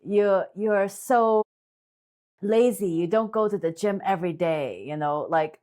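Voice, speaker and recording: A woman's voice: medium pitch, extremely slow, mellow. A woman voicing the nagging, scolding inner voice she once heard in her head, sighing with exasperation. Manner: scolding, exasperated sighs of "aiya".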